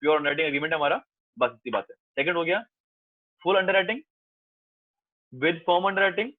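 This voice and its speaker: His voice slightly high, a man teaching commerce lectures in a coaxing, reassuring manner, addressing students as 'beta' and going over points again and again. The sound is dry and tinny, much like a phone.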